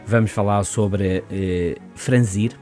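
A man with a European Portuguese accent, explaining ideas in a calm, measured way on a podcast. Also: lowish voice, faint music behind. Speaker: podcast author and guest commentator. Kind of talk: casual explanatory chat.

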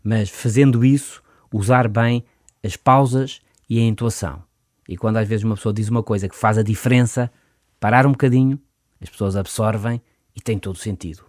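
A man with a European Portuguese accent, explaining ideas in a calm, measured way on a podcast. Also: lowish voice. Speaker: podcast author and guest commentator. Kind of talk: casual explanatory chat.

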